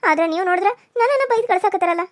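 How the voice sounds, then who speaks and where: A woman's voice: extremely high pitch, expressive, dry recording, clean studio sound. A woman voicing a defiant young village wife arguing with her husband and mother-in-law in a cartoon serial. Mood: protesting. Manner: argumentative, pleading, quick protesting.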